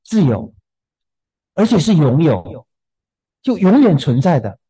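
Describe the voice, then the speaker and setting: A man preaching a sermon in a gentle, unhurried way, often repeating a word as he starts a thought. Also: fairly high pitch, big pitch swings, husky, rough recording. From southern China.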